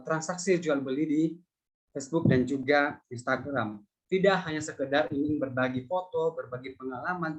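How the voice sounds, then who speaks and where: A man's voice: fairly high pitch, low-quality recording. A male lecturer answering student questions in a conversational public lecture, with many fillers and repeated phrases.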